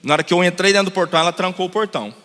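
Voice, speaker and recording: Male pastor, animated sermon storytelling, sharp tone, long church-hall echo. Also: high voice, rapid-fire. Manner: animated storytelling, addresses the congregation. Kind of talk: sermon testimony.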